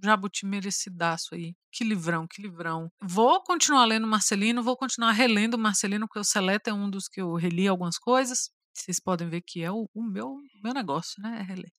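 Enthusiastic Brazilian woman, bright voice. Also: mid-range voice, a little fast, few pauses, no room sound, clean studio sound. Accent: Brazilian Portuguese. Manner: enthusiastic, emphatic, repeats phrases. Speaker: podcast co-host. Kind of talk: casual book chat.

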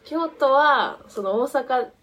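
A woman's voice: high-pitched, lively intonation, slow pace, fairly bright tone, a little hiss or hum. A young woman of about twenty, a guest in a casual chat, telling stories in a chatty, playful way. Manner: chatty, playfully tries Kansai phrases.

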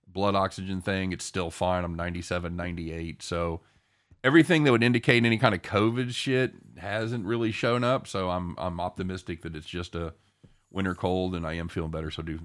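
A man's voice: sits low, fairly bright tone. A man hosting a live sports betting show in casual, jokey banter, irreverent and given to casual swearing.

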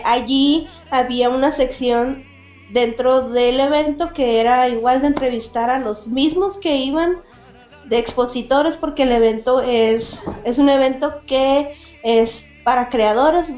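A high-voiced woman from Mexicali, Baja California, Mexico, a cartoonist and event organizer, chats as a guest in a casual interview, speaking slowly with a steady, slightly mellow tone. She's chatty, laughs often, and fills her talk with fillers and restarts. The lo-fi audio comes from an echoey room.

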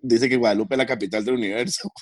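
A man's voice: mid-range voice, fast talker, over a noisy crowd. Young Costa Rican man telling stories. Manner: storytelling, animated retelling with laughs. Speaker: podcast co-host. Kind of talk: casual chat.

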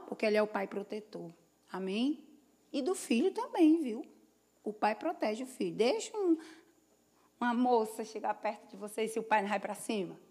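A woman pastor delivers a sermon to a congregation with a slightly high voice. She preaches in a folksy, chatty style and wanders into homely stories and asides. She keeps calling out to the crowd for an answering amen. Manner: call-and-response, asking the congregation "Amém?". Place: church service before a congregation.

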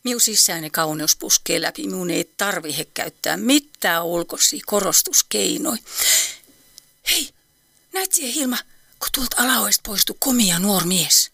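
A woman's voice: mid-range voice, lively intonation, gravelly, pushed and bright, no room sound, clean studio sound, heavily acted. An actress playing a nosy, fussy elderly woman with an Eastern Finnish dialect in a radio play. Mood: fussing. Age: older.

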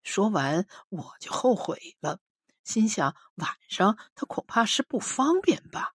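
A woman narrates a literary short story with a slightly husky voice. Her pitch moves freely, rising and falling with the story. The recording is close and dry. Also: no room sound. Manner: expressive, measured storytelling. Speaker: audiobook reader.

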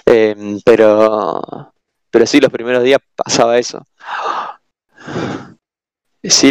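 Argentine man, guest in a relaxed chat; halting delivery, mid voice, dry close sound. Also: medium pitch, smooth, no echo. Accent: Argentine Spanish. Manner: hesitant, many pauses and restarts. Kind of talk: casual conversation.

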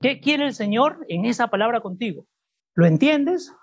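A husky man preaches to his church congregation, pressing his points and throwing questions back at the room. The recording sounds muffled and dull. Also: extremely high pitch, animated, moderate pace. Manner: emphatic, asks the congregation rhetorical questions. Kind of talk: sermon. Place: church service before a congregation.

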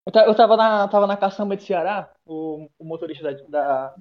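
A man's voice: sits high, a little fast, muffled recording. A young man, telling a rambling, profane story to friends over a call, full of restarts. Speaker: guest. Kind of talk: casual storytelling among friends. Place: bathroom, during an online class.

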